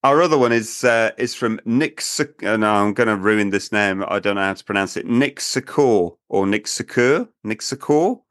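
A man's voice: on the low side, fairly quick, hardly any pauses, a bit bright, clean tone, dry recording, clean studio sound. A man co-hosting a casual podcast chat, reading out listener messages and laughing often. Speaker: podcast co-host.

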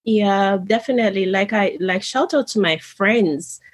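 A woman's voice: mid-range voice, measured pace, slightly rough. A woman from Jamaica, an interview guest and author, telling her story in an earnest, reflective way. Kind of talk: conversational interview.

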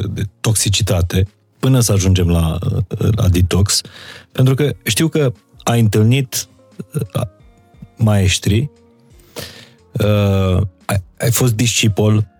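A man's voice: fairly low pitch, darkish tone, breathy edge, soft background music. A man hosting an interview, asking thoughtful questions with hesitant fillers. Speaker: interviewer, host. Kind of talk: conversational interview.

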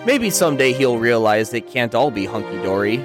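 Guy doing sing-songy dirty rhymes, mid voice, loud music under him. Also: mid-range voice, big pitch swings, fairly quick. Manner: sing-song rhymes, crude punchlines. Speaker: podcast guest. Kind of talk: rhyming comedic rant.

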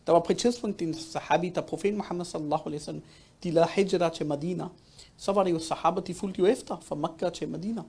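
Man, youth talk speaker, emphatic, animated, repeats words, husky, high voice. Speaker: panel speaker.

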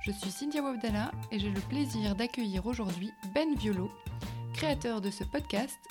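A woman asking podcast interview questions in a clear, direct way. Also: fairly high pitch, moderate pace, over music.

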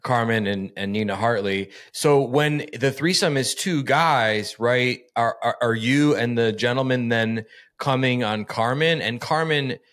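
A man's voice: medium pitch, measured pace, fairly bright tone. A man hosting a podcast interview, asking blunt, crude questions with a laugh. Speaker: podcast host. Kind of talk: casual interview.

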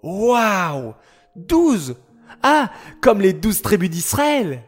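Man doing excitable wide-eyed little boy for a children's storybook, high lively voice. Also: drawn-out words, soft background music, heavily acted. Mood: curious, excited. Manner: asks eager, wide-eyed questions. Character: eager curious young boy, excitable.

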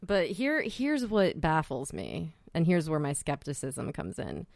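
A young woman with a low voice, co-hosting a podcast in easy conversation. She comes across skeptical, wry and blunt, and she swears casually. The sound is dry and close. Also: sing-song, measured pace, vocal fry, a little mellow, no echo. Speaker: podcast co-host. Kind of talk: casual chat.

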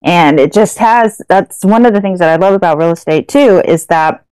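A woman's voice: lowish voice, moderate pace, darkish tone, clean tone, dry recording, low-quality recording. A young adult woman co-hosting a podcast, talking casually with lots of fillers and restarts. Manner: chatty, with frequent fillers and restarts. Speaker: podcast co-host.

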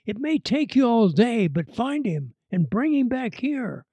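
A man's voice: very high-pitched, very animated, measured pace, warm tone, breathy edge, dry recording, voice pushed up, full character voice. A man voicing a frontier constable who gives urgent, insistent orders.

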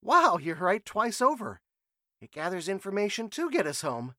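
A man voicing an eager young man barely containing his excitement in a storybook reading. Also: high voice, normal speed, no room sound, clean studio sound, voice pushed up. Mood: excited.

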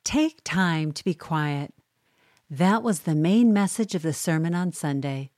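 A woman reads a humorous newspaper column aloud with a wry, dryly humorous touch and an unhurried pace. Her voice sits a little low. The sound is close and dry, with no room echo. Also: expressive, a little mellow.

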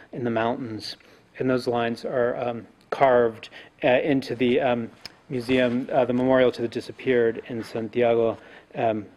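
A man's voice: mid-range voice, a little mellow. Male poet at a live reading; grave, intense delivery with chanted repetitions. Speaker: poet reading a translated poem.

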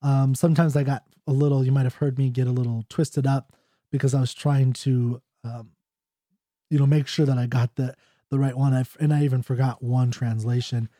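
A man talks through an old ballad in a loose, chatty way, often checking in with his listener. He then reads the verse aloud, putting on a mock Scottish accent. His voice is mellow, and the recording is dry and close. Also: medium pitch, flat delivery, brisk, no echo. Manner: chatty, full of "you know" and "right?". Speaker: ballad reader and explainer. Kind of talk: casual explanation and poetry reading.

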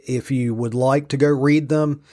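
A man's voice: mid-range voice, steady tone, unhurried, mellow. A man with an Appalachian-style Southern US drawl, hosting a casual solo podcast in a humble, self-deprecating way. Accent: Southern US hillbilly drawl, Appalachian-like.

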